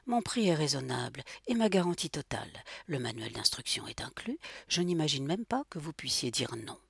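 A woman voicing a cold, polite male robot salesman who speaks with calm, metallic confidence in a formal sales pitch. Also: normal speed, vocal fry, slightly rough, dry recording, clean studio sound, heavily acted. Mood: coolly persuasive.

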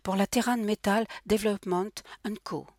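A woman voicing an excitable young wife who answers eagerly like a schoolgirl. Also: mid-range voice, moderate pace, dry recording, studio quality, pitched above the performer's own voice, close to an everyday voice.

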